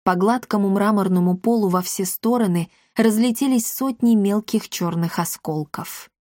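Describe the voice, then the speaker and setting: A woman narrating a fantasy story as an audiobook reader, reading expressively and shifting her voice for the characters' shouts. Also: mid-range voice, normal speed, dry recording, clean studio sound.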